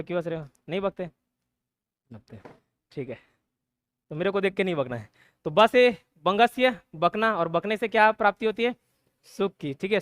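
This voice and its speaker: A man's voice: high-pitched, a bit bright, clear, resonant tone, no room sound, clean studio sound. A man teaching an exam prep class. He uses memory tricks, repeats each point, quizzes the class and checks in with "theek hai". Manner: repeats points, asks the class quiz questions, says "theek hai" often. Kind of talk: mnemonic-based exam prep lecture.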